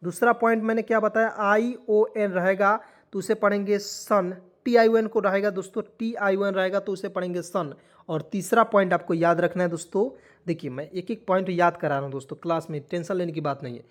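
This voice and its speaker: A man's voice: high voice, fairly even intonation, quick pace. A man teaching a classroom-style lesson. He spells words out letter by letter, asks his listeners what they say, and answers himself in a patient, reassuring way. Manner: addresses listeners as friends again and again, patient and reassuring.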